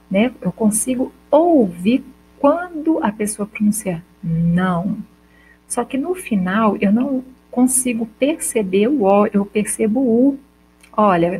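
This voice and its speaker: A woman teacher with a Brazilian accent explaining a lesson step by step, slowly sounding out example words and checking in with her students. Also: on the high side, darkish tone, husky, low-quality recording. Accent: Brazilian Portuguese. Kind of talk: recorded school lesson.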